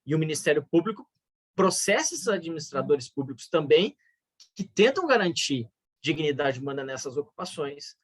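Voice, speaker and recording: Earnest male lecturer, hesitant restarts. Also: fairly bright tone. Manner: earnest explaining, with frequent restarts and "é" fillers; pitch climbs sharply on emphatic points. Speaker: legal advisor teaching a course. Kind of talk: online course lecture.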